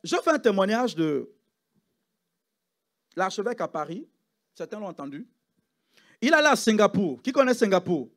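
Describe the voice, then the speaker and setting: Male pastor, high voice, very lively pitch, sermon delivery with loud calls and soft drops. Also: normal speed, long pauses. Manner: preaching with rising shouts and sudden hushed drops. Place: church.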